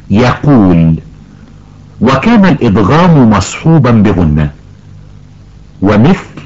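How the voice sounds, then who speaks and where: A man playing an elderly grandfather who patiently teaches Quran recitation rules to his granddaughter, slowly drawing out example words. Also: mid-range voice, a little mellow. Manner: slow, careful explaining, stretches out example words. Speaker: tajweed teacher. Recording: dull lo-fi recording.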